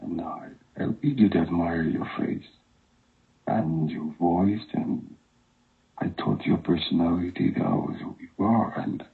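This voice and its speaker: A man speaking through a voice changer on a call, defensive and halting as he pleads his case. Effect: voice changer, unnaturally deep and gravelly. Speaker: caller in an online romance. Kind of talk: phone call. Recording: dull lo-fi call audio.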